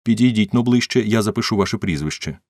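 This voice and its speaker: Guy playing a curt nosy cop, low voice, bouncy delivery. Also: expressive, fast, a little mellow, no echo, clean studio sound, natural voice. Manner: curt, questioning. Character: sharp, officious male policeman.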